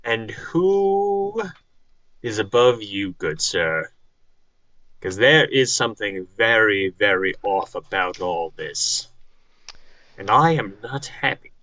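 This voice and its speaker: A man's voice: on the low side, big pitch swings, slow, sharp tone, dry recording, heavily acted. A man voicing a haughty male noble sorcerer who speaks in a pompous, commanding way. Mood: demanding.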